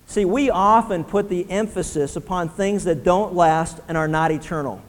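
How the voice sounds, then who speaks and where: A man preaching a sermon as pastor, speaking conversationally and moving between soft, prayerful passages and emphatic points. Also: high-pitched, normal speed, big-room sound.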